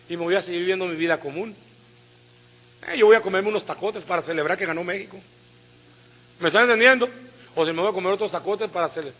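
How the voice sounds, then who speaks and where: High, bright-voiced pastor preaching. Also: male voice, in a large hall. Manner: colloquial, asks the congregation questions. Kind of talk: sermon. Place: church.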